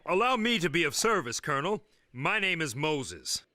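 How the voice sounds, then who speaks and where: A man's voice: on the high side, big pitch swings, normal speed, sharp tone. A man voicing a polite, proud freedman craftsman in a history cartoon. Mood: courteous, proud. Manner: polite, earnest. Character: courteous, proud freedman craftsman, eager to serve. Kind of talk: animated history cartoon acting.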